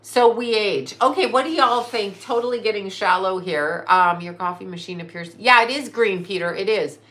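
A woman in her late fifties hosts a loose livestream chat, reading out and answering her viewers' comments as she goes. Her voice is bright and forward, set at an ordinary pitch for a woman, and her talk wanders freely from one thing to the next. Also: moderate pace. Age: 50s. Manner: rambling, chatty, answers chat comments aloud. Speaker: livestream host. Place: in a car.

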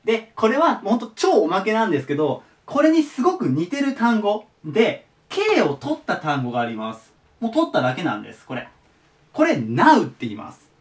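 A man's voice: sits high, recorded from a distance. A man teaching a video lesson, explaining patiently and steadily.

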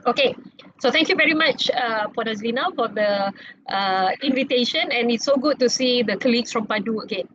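A cheerful woman with a fairly high voice introduces her college team on a video call, laughing now and then. The laptop mic sounds dull and lo-fi, with faint noise underneath. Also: brisk, a bit bright. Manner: cheerful, laughs between phrases. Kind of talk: introductions in an online meeting.

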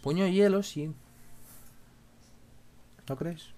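A man's voice: high-pitched, very slow, warm tone, a little hiss or hum. A man casually chatting during a video game session, laughing often and checking choices with his partner. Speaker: let's play co-host. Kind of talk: casual gaming chat.

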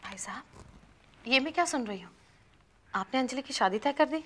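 A woman's voice: sits high, expressive, brisk, a little hiss or hum. An actress playing a worried aunt pressing her brother with questions in a TV serial drama. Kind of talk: TV serial acting.

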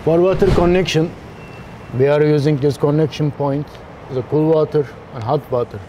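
A man in his thirties on a factory floor, explaining machine installation step by step in halting, simple phrasing. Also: a little high, steady tone, noisy background. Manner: halting non-native phrasing, slow and step-by-step. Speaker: technician demonstrating machine installation. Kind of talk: instructional walkthrough.

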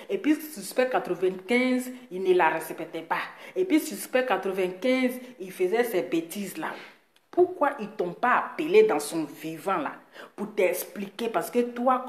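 A woman delivers a scolding live rant, hammering the same rhetorical questions again and again. Her voice sits at an ordinary middle pitch for a woman. It carries a roomy echo from an indoor space. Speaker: online commentator. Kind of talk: ranting live commentary. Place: indoors in a residence. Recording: echoey room.

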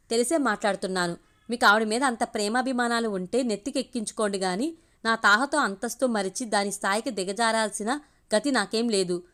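A woman's voice: fairly high pitch, close to an everyday voice. A woman reading as a scornful young woman. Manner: sharp, scornful retorts. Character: young woman, proud and indignant fiancée.

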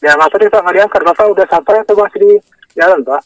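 A man's voice: sits high, fast talker, dry recording, distant mic. A man on a phone call giving repetitive, insistent instructions and often checking that he is understood. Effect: heard over the phone. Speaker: phone scam caller.

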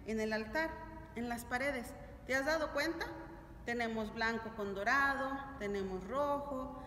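A middle-aged catechism teacher gives families a religious lesson inside a large stone-walled church, teaching didactically and asking check-in questions. Her voice sits high, pushed and bright, captured by a camera a few steps away in a noisy, echoey hall.

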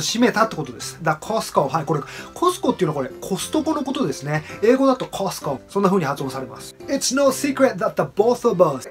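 Male English teacher, slow English reading, brisk explanations, faint music behind. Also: sits high, fairly bright tone. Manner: reads English phrases slowly, then explains briskly in Japanese. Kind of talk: explaining song lyrics line by line.

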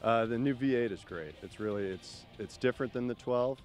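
Quick-talking man race driver. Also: medium pitch, darkish tone, faint music behind. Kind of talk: casual chat. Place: outdoors at a race track.

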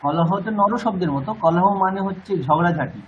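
In lo-fi audio, a high-voiced man with a Bengali accent teaches a language class online. He corrects his students patiently and repeats words slowly.

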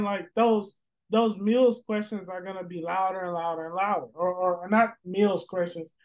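A man with a fairly high voice talks football on a casual podcast. He rambles, circling back through fillers and restarts, and swears freely as he thinks out loud. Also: poor audio. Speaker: podcast host. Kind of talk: casual sports podcast chat.

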